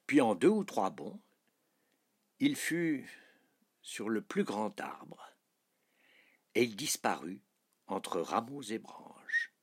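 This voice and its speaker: Man reading a storybook out loud, slow and husky, soft, sometimes whispery. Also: lowish voice. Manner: soft, dropping to a whisper on some phrases. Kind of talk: storybook read-aloud.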